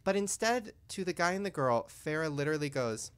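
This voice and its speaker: A man's voice: fairly high pitch, a little fast, clean tone. A man hosting a podcast, telling stories in casual chat and acting out the people he quotes. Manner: animated storyteller, acts out quotes. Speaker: podcast host.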